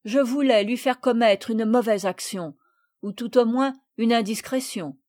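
A woman voicing a fair-minded boy cousin in a storybook reading, speaking in a calm, conceding way. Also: fairly high pitch, a little slow, no echo, studio quality, close to an everyday voice.

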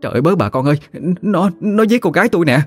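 A man's voice: on the high side, lively intonation, rapid-fire, husky, pitched above the performer's own voice. A man putting on a wailing gossipy older woman. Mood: panicked wailing. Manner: wailing, shrieking. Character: gossipy middle-aged woman wailing for help. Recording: faint music behind.

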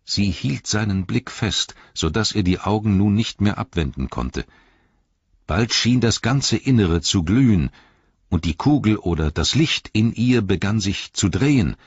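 Deep husky guy reading an audiobook, measured and dramatic, dull dry sound. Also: lively intonation, no room sound. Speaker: audiobook narrator. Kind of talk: scripted narration.

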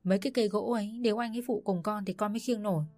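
A woman voicing a calm, defiant young daughter-in-law who answers curtly, in a storybook reading. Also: mid-range voice, rapid-fire, faint music behind, voice pushed up, natural voice. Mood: reasoning. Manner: cool and curt.

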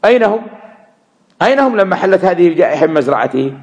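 A man teaching Quran commentary, measured and repeating words to stress them. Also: high voice, big pitch swings, highs cut off. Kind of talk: religious lesson explaining verses.

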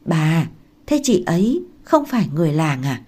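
A woman reading aloud and voicing a meek young pregnant daughter-in-law who asks softly and pleads. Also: low voice, very animated, normal speed. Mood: pleading. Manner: soft, pleading, curious.

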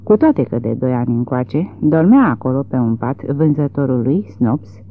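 An audiobook narrator reading a literary novel with expressive, dramatic storytelling, on tinny phone-like audio. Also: medium pitch.

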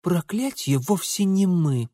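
A man's voice: fairly high pitch, sing-song, normal speed, breathy edge, dry recording, clean studio sound, voice pushed up. A man voicing a spiteful young daughter who tattles and mutters resentfully.

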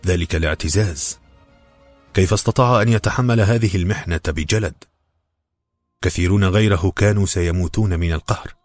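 A man narrating a novel as an audiobook in a measured, even reading style. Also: low-pitched. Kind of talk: scripted storybook narration.

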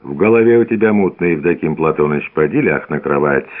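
A man reading an older village man who tries to calm and reproach a raging neighbour, in a tinny radio recording. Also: very deep voice, brisk, voice pushed down. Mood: soothing. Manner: soothing, reproachful.

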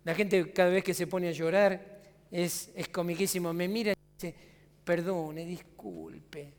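At normal speed and with flat delivery, a high-pitched man preaches in a church sanctuary with a long reverb tail. He is a pastor with a Rioplatense Argentine accent who asks his congregation rhetorical questions in a conversational sermon.

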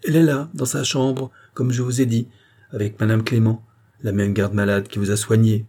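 A man's voice: on the low side, steady tone, normal speed, warm tone. A man voicing a kindly, fussing old male farm gamekeeper, talking in an eager, emphatic way.

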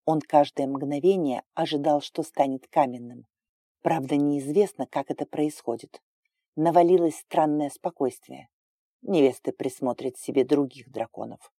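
A woman narrating a romance story in a calm, even reading voice. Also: low voice, normal speed, slightly rough, no room sound, clean studio sound.

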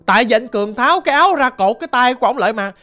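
A ghost story narrator with a Southern Vietnamese accent speaks at a mid pitch in a lively, colloquial way. The telling is dramatic and conversational. Soft music sits faintly underneath. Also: rapid-fire. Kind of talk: oral storytelling.

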